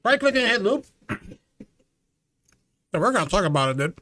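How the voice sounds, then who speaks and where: A man's voice: sits high, very animated, measured pace, a bit bright. A young man streaming live, chatting loosely with his viewers and calling them "dude" and "chat".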